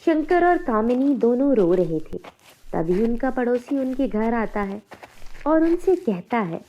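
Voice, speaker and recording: High-voiced woman narrating a storybook cartoon. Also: unhurried, a little hiss or hum. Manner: even storytelling delivery. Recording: dull, muffled sound.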